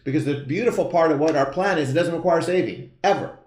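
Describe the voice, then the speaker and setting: Man, 50s, live-show host, emphatic motivational pitch, echoey room. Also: fast, a little mellow. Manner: earnest, emphatic, repeats key phrases. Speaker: financial educator hosting a live show. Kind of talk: motivational sales pitch to camera.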